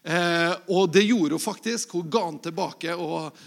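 A man preaching in a loose, conversational way, stumbling over his words and filling gaps with hesitant sounds. His voice sits high for a man and has a gravelly edge. He turns to the room now and then with direct questions. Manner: hesitant, with many fillers and restarts; conversational, asks the listeners questions. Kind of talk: informal sermon with Bible reading.

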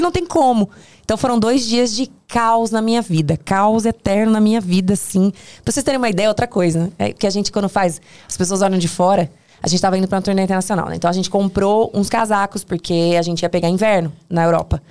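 Brazilian woman telling stories, hyperbolic and chatty. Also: lowish voice. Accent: Brazilian Portuguese. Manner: animated, hyperbolic, self-interrupting storyteller. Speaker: podcast guest, tour producer. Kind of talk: casual storytelling in conversation.

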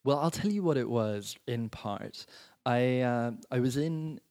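An Italian-raised man in his thirties speaks casually as a guest screenwriter in an interview. His medium-pitched voice is a little slow and a little mellow, and he sounds thoughtful, hedging often with "you know" and "like."

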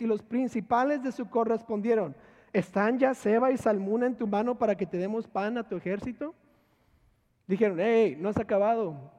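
A man's voice: very high-pitched, darkish tone. A man preaching a sermon as pastor, asking his listeners repeated rhetorical questions and repeating key words. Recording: echoey hall, dull lo-fi sound.

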